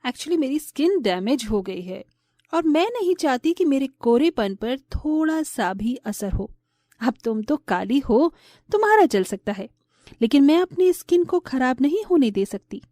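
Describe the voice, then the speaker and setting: A woman's voice: big pitch swings, unhurried, dark tone, no room sound, studio quality. Woman doing a vain, sneering young wife. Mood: haughty. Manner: shrill, sneering and bossy. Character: vain, haughty young woman, sharp-tongued daughter-in-law. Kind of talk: storybook voice acting.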